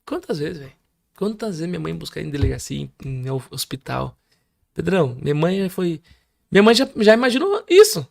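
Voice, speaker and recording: A Brazilian man sharing his testimony in a casual conversation, as an animated storyteller who acts out voices. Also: fairly high pitch, brisk, vocal fry. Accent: Brazilian Portuguese. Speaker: guest preacher.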